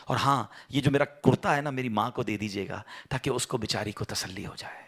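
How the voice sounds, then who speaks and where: A male preacher voicing a young, obedient son who gently pleads with his father, in a soft, tender way. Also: medium pitch, slightly rough, pitched below the performer's own voice.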